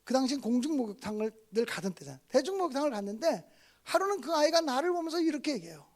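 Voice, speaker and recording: A man in his fifties preaching at a revival meeting as a guest pastor. He tells stories, acts out family dialogue, and swings between loud outbursts and soft asides. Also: very high voice, sing-song, very fast. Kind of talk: revival sermon.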